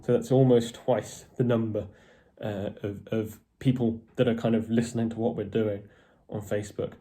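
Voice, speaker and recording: A man's voice: fairly low pitch, little pitch movement, moderate pace, warm tone. A man from a metal band, giving a casual, rambling video update to fans with many ums and restarts. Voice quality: posh-sounding voice.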